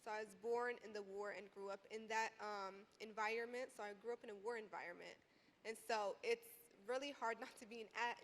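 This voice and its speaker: A woman in her twenties from Iraq, a youth advocacy panelist and educator, speaks earnestly and conversationally in a personal panel discussion, often using "like" and "you know." Her voice is mid-range and a bit bright. The recording comes from a reverberant hall with background noise.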